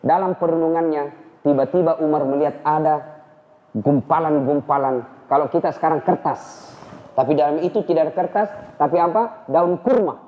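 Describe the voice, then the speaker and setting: A man's voice: a little high, moderate pace, lo-fi sound. A man preaching a humorous sermon, telling a story dramatically and addressing his audience. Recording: echoey hall.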